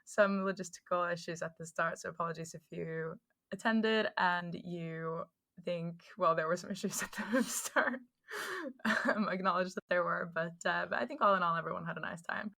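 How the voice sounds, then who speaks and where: A woman in her thirties hosting a podcast in casual chat, thinking aloud with relaxed fillers. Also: on the low side, normal speed, vocal fry. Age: 30s. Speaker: podcast host.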